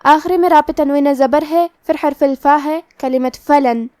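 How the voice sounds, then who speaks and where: A woman with a high, light voice walks through the rules of recitation in a calm, methodical teaching tone. She pauses to chant each example slowly and stretches the sounds out. The recording is close and dry, with no room sound. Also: dry recording. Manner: methodical and explanatory, slow drawn-out recitation of examples. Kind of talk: tajweed lesson, explaining rules then reciting slowly.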